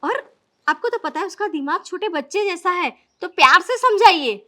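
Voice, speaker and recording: A woman's voice: extremely high pitch, expressive, normal speed, bright, forceful tone, full character voice. An actress playing an earnest young woman who reasons with and pleads to her brother-in-law. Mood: pleading. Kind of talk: scripted family drama acting.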